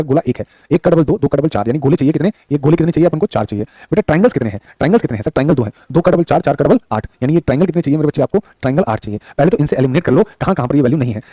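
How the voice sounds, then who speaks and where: Recorded with no room sound on a studio microphone, a male teacher with a higher, dark-toned voice leads a live online exam-prep session. He goes over points again and again, calls his students son and brother with warmth, and reads the chat aloud.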